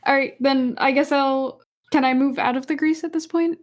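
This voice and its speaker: A woman playing a tabletop game asks light, uncertain questions and giggles often. Her voice is high and bright. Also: fairly even intonation, normal speed. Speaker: player.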